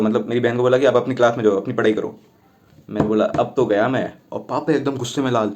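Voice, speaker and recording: Young man, casual storytelling, quick pace, mid-pitched voice, acts out the dialogue. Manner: chatty, animated retelling with quoted dialogue.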